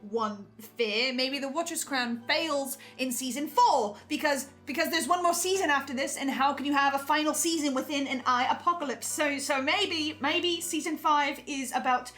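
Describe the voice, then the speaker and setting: Over background music, a woman on a podcast panel plays a researcher in a semi-improvised, in-character discussion of a horror audio drama. Her high, slightly bright voice is hesitant, stammering, and defensive, though she speaks at normal speed with hardly any pauses.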